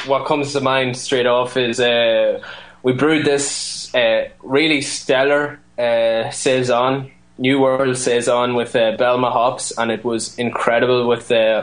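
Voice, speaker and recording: Irish brewer guest on the line, casual, rambling, filler-heavy storyteller. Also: male voice, medium pitch, a bit bright. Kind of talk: casual phone-in chat. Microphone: phone line.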